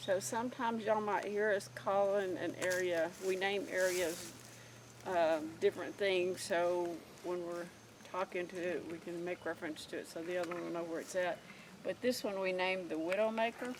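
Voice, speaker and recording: A middle-aged woman with a Southern US accent co-hosts an outdoor vlog, chatting casually and playfully, with a teasing edge, as she explores the woods. Her voice is fairly low with fairly even intonation at a moderate pace, and the outdoor field recording is noisy.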